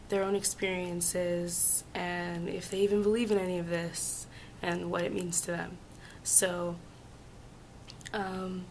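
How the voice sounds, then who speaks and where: A woman vlogging casually about personal experiences in a halting way, hoarse and sick, her voice giving out into whispers. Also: medium pitch, slight background noise, low-quality recording. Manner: halting, hesitant, with long pauses. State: sick with flu and laryngitis. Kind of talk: casual personal storytelling to camera.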